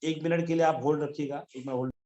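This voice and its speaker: Animated man giving a motivational talk. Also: a little high, fast talker, highs cut off. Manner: animated, storytelling, addresses listeners by name. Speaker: motivational speaker. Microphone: video call.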